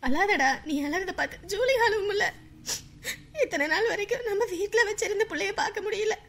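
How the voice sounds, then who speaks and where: A woman's voice: very high-pitched, fairly quick, fairly bright tone. A woman playing a tearful mother seeing off her daughter in a TV serial, pleading with her. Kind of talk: TV serial acting.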